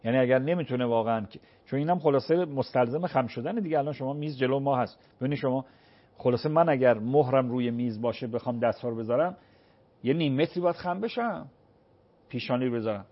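A man answering viewers' religious questions on a call-in program, explaining patiently and slowly acting out prayer recitations. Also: medium pitch, highs cut off.

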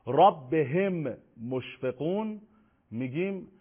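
Male teacher, measured tajweed lesson, slows down to recite examples; thin phone-like sound. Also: on the high side, lively intonation, slightly rough. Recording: tinny phone-like audio.

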